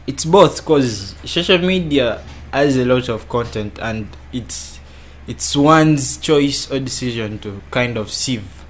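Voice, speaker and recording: A young man from Kenya answering interview questions in a casual, halting way, often repeating his words as he starts. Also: medium pitch, expressive. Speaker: interview guest.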